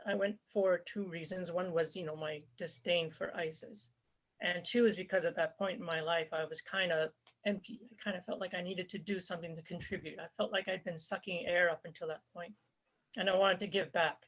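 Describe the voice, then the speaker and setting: Born in Zambia and raised in Canada, a woman who once served as a volunteer fighter talks earnestly as a guest in a casual interview, leaning on lots of fillers. Her lowish voice keeps a steady tone and moves fairly quickly, captured on a dull lo-fi recording.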